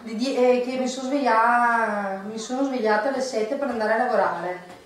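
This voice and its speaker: A woman's voice: on the high side, normal speed. A woman in her thirties chatting casually in a challenge vlog at home. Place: home living room. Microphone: camera in the room, slightly distant. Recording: very echoey, noisy home room.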